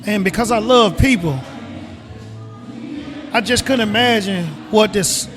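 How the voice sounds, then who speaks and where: A middle-aged man from Mississippi with a Southern accent, speaking as a guest in a casual interview with emphatic, drawn-out stresses. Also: high voice, music in the background. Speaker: guest, retired government agent.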